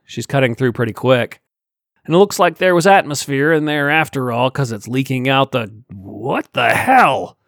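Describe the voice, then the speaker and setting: A man's voice: medium pitch, expressive, normal speed, a bit bright, dry recording, clean studio sound. A man voicing a grumbling, wisecracking male salvage crewman. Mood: wary.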